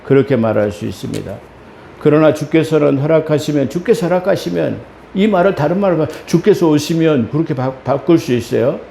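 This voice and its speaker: Korean pastor preaching in an echoey hall. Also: male voice, fairly high pitch, lively intonation, fairly quick, vocal fry, dark tone, slight background noise. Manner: conversational preaching, acts out quoted voices. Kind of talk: sermon. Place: church sanctuary.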